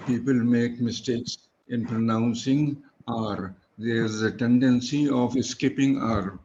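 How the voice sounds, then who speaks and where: A man's voice: medium pitch, a little mellow, highs cut off, slight background noise. A man teaching English pronunciation one-on-one, patiently spelling words out letter by letter. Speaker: English tutor.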